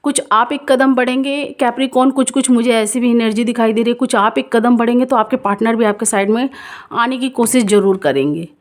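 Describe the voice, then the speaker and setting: A woman's voice: a little high, fairly quick. A woman doing a casual, reassuring tarot reading for viewers, repeating herself and mixing in English words. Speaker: tarot card reader.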